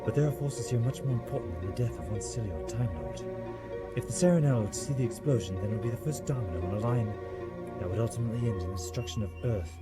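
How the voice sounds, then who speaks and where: A man's voice: lowish voice, quick pace, loud music behind the voice, close to an everyday voice. A man playing a witty, defiant time-travelling hero in a science fiction audio drama, eloquent, sardonic and theatrical. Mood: grave.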